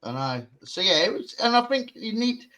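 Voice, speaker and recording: A man's voice: high voice, very animated, moderate pace, pushed and bright. A young man co-hosting a podcast, chatting in a laid-back, jokey way. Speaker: podcast co-host. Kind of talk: casual chat.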